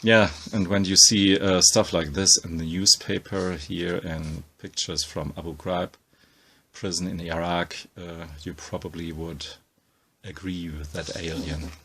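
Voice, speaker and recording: Slow gravelly-voiced man leafing through a book. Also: low voice, fairly even intonation, sharp tone. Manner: halting, many ums and uhs, thinking aloud. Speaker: comics book reviewer. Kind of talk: casual spoken book walkthrough.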